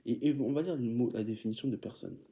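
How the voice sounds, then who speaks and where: A man's voice: mid-range voice, quick pace, vocal fry, mellow, slight background noise. A man preaching an informal teaching sermon, often stumbling and repeating words as he reads definitions aloud and calls his listeners beloved.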